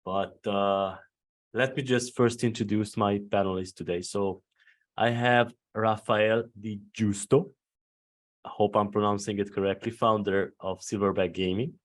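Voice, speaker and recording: Man, panel moderator, low voice, casual, hesitant fillers. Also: steady tone, measured pace. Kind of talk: virtual panel hosting.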